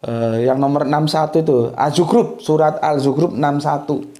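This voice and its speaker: A man from Sumatra, Indonesia, gives an informal religious lecture as a teacher, his voice fairly high and dark at a normal speed. He speaks loosely and conversationally, restarting often and tagging many sentences with a short "ya".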